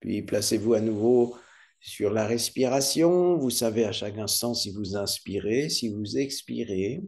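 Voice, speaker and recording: Guy doing guided meditation, really slow n soft-edged mellow voice, calm, soothing, lots of pauses. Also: lowish voice. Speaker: yoga nidra instructor leading a guided relaxation.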